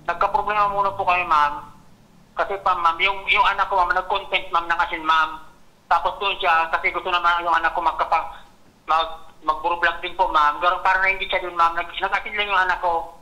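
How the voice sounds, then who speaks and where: A man speaking haltingly in a phone interview, adding "ma'am" after nearly every phrase. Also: high-pitched, little pitch movement, sharp tone, poor audio. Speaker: complainant caller.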